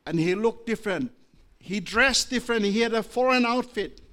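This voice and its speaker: Here an Australian pastor preaches a sermon, beginning in a low, measured way and rising into loud, impassioned delivery.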